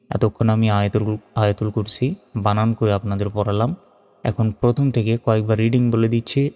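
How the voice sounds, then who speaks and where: A man teaching Quran reading, spelling out the Arabic letters and vowel marks one by one and chanting each verse in a slow, drawn-out way. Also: on the low side, mellow. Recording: long reverb, faint music.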